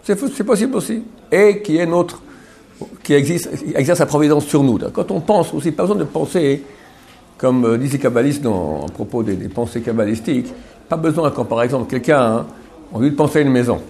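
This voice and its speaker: A man teaching a religious class. He talks in a chatty way, checks often that the class follows, and slowly repeats words to show how they are said. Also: fairly high pitch, lively intonation, warm tone. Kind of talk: Torah class on Hebrew pronunciation.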